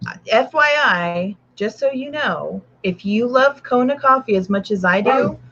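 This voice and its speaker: A woman's voice: a little high, animated, a little slow, fairly bright tone. Chatty woman on a lo-fi call. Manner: chatty, rambling with restarts and baby-talk to her dog. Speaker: author hosting a writing stream. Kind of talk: casual chat. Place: at home.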